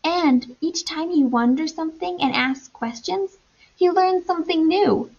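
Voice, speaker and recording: A woman teacher reads aloud to young children in an animated way, stopping to ask questions and explain things in simple, repetitive words. Her voice is extremely high, and the recording sounds muffled.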